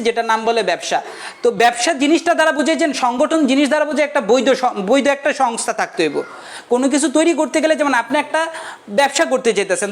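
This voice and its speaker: Man, quick talker, jokey lecture, rhetorical questions. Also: very high-pitched. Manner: joking, keeps checking the class understands, asks rhetorical questions. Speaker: economics teacher. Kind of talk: casual joking lecture.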